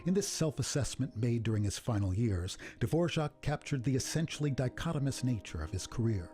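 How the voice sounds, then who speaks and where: Measured man narrating a music history. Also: medium pitch. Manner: measured, even storytelling delivery. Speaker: program narrator. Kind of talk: scripted documentary narration.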